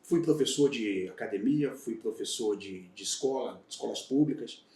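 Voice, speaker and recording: In a mellow, medium-pitched voice at a moderate pace, a retired federal police agent from Salvador, Bahia, Brazil, tells candid stories as a guest on a casual podcast interview. His Bahian Brazilian Portuguese delivery is reflective, with frequent restarts, and the audio has a roomy echo with him sounding distant.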